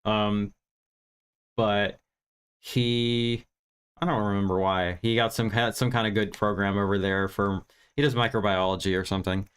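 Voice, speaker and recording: He has a lowish voice with a steady tone, moderate pace, and a bit of brightness, recorded cleanly. Tired from recovering from sinus congestion, this American livestream film review host from Virginia chats casually, rambling candidly with self-deprecating humor and some profanity.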